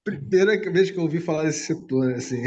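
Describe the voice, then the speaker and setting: A man's voice: fairly high pitch, fast talker, warm tone, a little hiss or hum. A man hosting a casual online group session, asking short follow-up questions and welcoming a new participant.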